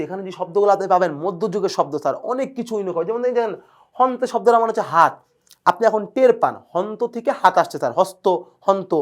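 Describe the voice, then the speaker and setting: A male teacher, giving a recorded exam-prep lecture. He talks eagerly about where words come from and keeps checking whether the students follow. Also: high-pitched. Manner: fast, checks in constantly with "clear, sir?"; enthusiastic about word origins.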